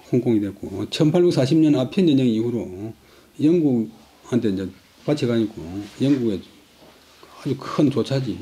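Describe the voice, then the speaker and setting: An older man lecturing on a classical Chinese text, explaining it word by word, repeating terms and reading the original in a slow chant. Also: mid-range voice, warm tone, slight background noise, rough recording.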